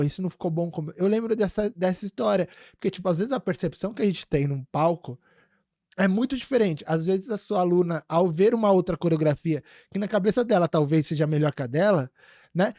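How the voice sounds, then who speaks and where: A man's voice: high voice, a little mellow, no room sound, clean studio sound. A man hosting a podcast, telling stories in a rambling casual way with many fillers. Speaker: podcast host.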